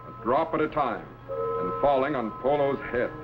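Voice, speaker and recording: A man's voice: medium pitch, lively intonation, moderate pace, lightly acted. A man playing a commanding, knowledgeable time-travelling captain and mentor in an old adventure serial. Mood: grave. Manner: crisp orders, grave explanations. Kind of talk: 1950s TV adventure serial acting. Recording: dull old broadcast recording, music underneath.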